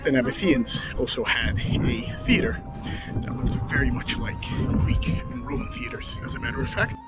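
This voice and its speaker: Holding his camera at arm's length among desert ruins and a rock canyon, a man in his thirties narrates his travel vlog in a casual, chatty way, hesitating with lots of fillers. His medium-pitched voice is very animated and moves at normal speed. Music plays over the audio.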